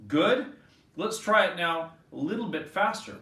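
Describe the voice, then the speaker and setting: Soft-spoken guy teaching kids music, slow and patient, kinda far from the mic, roomy echo. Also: sits high, expressive. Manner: gentle, encouraging, playful with young kids. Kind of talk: online music lesson for children. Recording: echoey room, voice a bit distant. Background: acoustic guitar.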